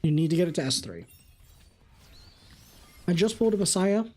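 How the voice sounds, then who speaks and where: Reading viewer questions during a game stream, a man answers them in a lively way. His voice is a little raspy and pitched high, and he talks at a normal speed.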